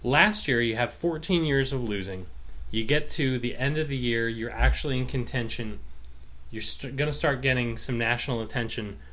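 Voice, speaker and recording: A man's voice: medium pitch, normal speed, fairly bright tone. A man co-hosting a casual sports chat. He argues his side persistently and plays devil's advocate, building his case point by point. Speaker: co-host.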